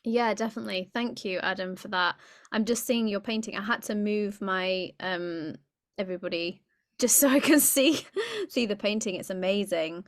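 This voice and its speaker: A woman with a mid-pitched voice hosts a group video call. She sounds encouraging and effusive as she welcomes each participant. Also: normal speed, no room sound, studio quality. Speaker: host.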